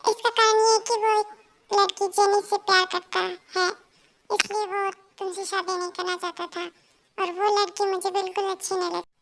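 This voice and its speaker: A mother-in-law in a fan audio story, calm and matter-of-fact, read by a woman. The voice is extremely high but a bit quieter. She speaks in a soothing, patient way. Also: moderate pace, slight background noise.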